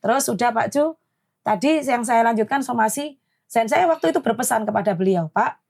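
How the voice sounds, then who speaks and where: Woman telling her story, gravelly voice, fired up and animated. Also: a little high, brisk. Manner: indignant, animated retelling. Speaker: guest, mother of a victim. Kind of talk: emotional storytelling in a podcast interview.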